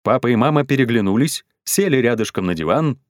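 A man reading a children's story aloud in an expressive, animated way. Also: mid-range voice, a little fast, dry recording, studio quality. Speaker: narrator.

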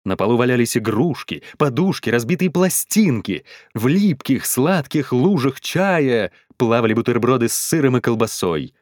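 A man reading a children's story aloud in an expressive, animated way. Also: mid-range voice, moderate pace, hardly any pauses, dry recording, studio quality. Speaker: narrator.

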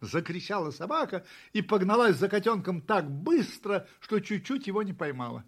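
Man reading a kids story, pretty high voice, a bit husky. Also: moderate pace. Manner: expressive, animated storytelling. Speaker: narrator. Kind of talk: reading a children's story aloud.

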